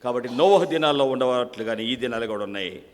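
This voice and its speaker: A man's voice: mid-range voice, lively intonation, fast talker. A male pastor preaching a Sunday sermon, firing rhetorical questions at the congregation and reciting lists in a rising chant. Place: church service. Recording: long echo of a church hall.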